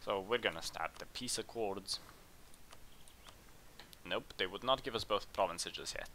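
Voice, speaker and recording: A man hosting a let's play, chatting casually and thinking aloud as he plays, with bursts of excitement in tense moments. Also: lowish voice, unhurried, background noise. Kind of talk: casual game commentary.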